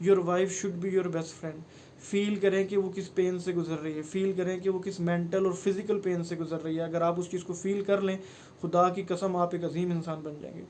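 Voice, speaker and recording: A man's voice: high voice, little pitch movement, moderate pace, darkish tone, a little hiss or hum. A man, giving earnest, pleading advice to camera in a personal vlog and mixing in English phrases. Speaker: vlogger.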